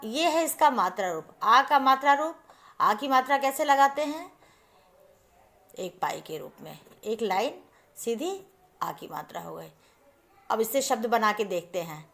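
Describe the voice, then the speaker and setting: A woman's voice: on the high side, a bit bright. A woman Hindi teacher giving a patient lesson to young children, spelling out letters and words one by one. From India.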